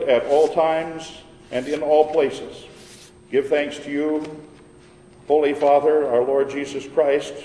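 A pastor leading a church service, praying and chanting the liturgy in a solemn, measured way, his voice echoing through a large church. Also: fairly high pitch, warm tone, a little hiss or hum. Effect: cathedral-like echo from a large church. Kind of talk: liturgical prayer and chanted responses. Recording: roomy church hall with long reverb, faint organ.

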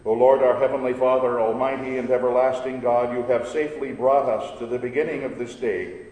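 Guy leading church prayers, slow and solemn, big cathedral echo all around, mid-pitched voice. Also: steady tone, darkish tone. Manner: measured, solemn intoning. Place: large church. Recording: echoey hall with long reverb, faint rumble.

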